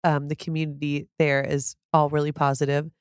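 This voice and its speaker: A woman's voice: low voice, little pitch movement, fairly quick, clear, resonant tone, no echo, studio quality. A woman in her thirties, a cookbook author, chatting casually as an interview guest, upbeat and sprinkling her talk with "like". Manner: chatty and upbeat, heavy use of "like".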